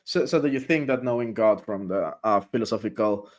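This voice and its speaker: A man's voice: fairly low pitch, normal speed. Casual male interpreter on a video call. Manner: friendly, casual, filler words like "like" and "uh".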